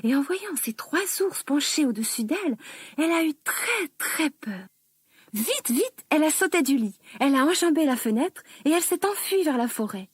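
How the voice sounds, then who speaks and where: A woman narrating a children's story slowly and expressively. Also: high-pitched, no echo, clean studio sound. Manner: slow, expressive, lively.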